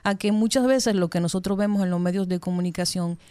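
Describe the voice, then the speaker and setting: Female panelist, mellow medium-pitched voice, earnest and articulate, closely recorded dry sound. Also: a little fast, dry recording. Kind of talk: panel discussion, earnest opinion.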